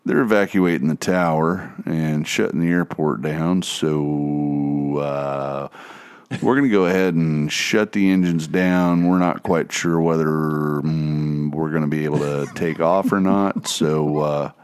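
A low, smooth-voiced airline pilot speaks to passengers in a flat, unhurried monotone, as a man puts him on. The drawl is full of "uh" pauses, just like a cabin announcement. The sound is dry and close to the mic. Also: dry recording. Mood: deadpan. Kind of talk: casual podcast chat, impression.

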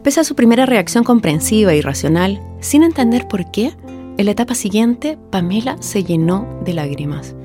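A woman narrating a scripted documentary story in a calm, measured way. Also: mid-range voice. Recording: faint music behind.

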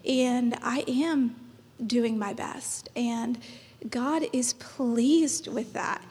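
High-voiced chatty woman in her thirties. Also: drawn-out words, darkish tone, husky. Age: 30s. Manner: chatty, encouraging, laughs often. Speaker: panelist. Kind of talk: church panel talk. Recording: long hall reverb.

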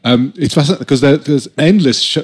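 A man's voice: mid-range voice, fast, slightly rough. A man hosting a podcast, chatting wryly and telling anecdotes about his family. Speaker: podcast host. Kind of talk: casual interview chat.

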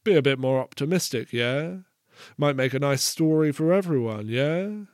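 A man's voice: mid-range voice, expressive, normal speed, darkish tone, dry recording, clean studio sound, natural voice. A man voicing an overly chummy male host who keeps tagging "yeah?" onto his sentences. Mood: pushy, cajoling. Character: chummy male host who ends every phrase with a question.

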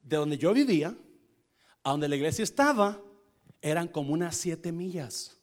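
Animated bilingual pastor, high lively voice. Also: male voice, normal speed. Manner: animated storytelling, switching between Spanish and English; asks the congregation questions. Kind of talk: sermon with personal story.

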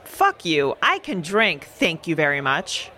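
A woman playing a sharp-tongued female detective with a snappy, dry wit. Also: deep voice, wildly swooping pitch, measured pace, slight background noise, heavily acted.

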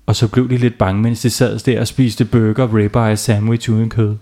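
Playful dad telling a bedtime story. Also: male voice, on the low side, level tone, warm tone. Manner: playful, asks the children questions. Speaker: father telling bedtime stories. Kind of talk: children's bedtime story narration.

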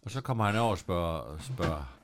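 A man co-hosts a relaxed podcast about a TV show. His voice is fairly low, and he slips in dry jokes. A faint hiss sits under the recording. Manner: dry joking asides. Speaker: podcast co-host. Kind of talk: casual chat.

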